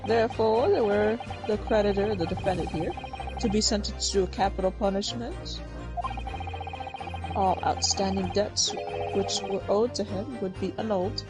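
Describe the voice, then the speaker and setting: Woman doing a lets play, medium pitch, playful mock-formal reading w slangy comments, game music loud behind her. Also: moderate pace, rough recording. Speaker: game streamer. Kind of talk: casual let's play, reading game dialogue aloud.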